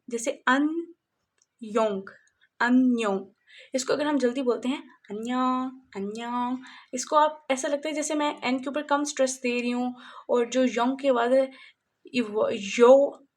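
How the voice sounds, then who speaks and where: A woman teaching a casual beginner language lesson, slowly repeating each sound as she writes it. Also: on the high side. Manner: slow, repetitive drilling of sounds while writing. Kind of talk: casual spoken lesson, mixing Hindi-Urdu and English.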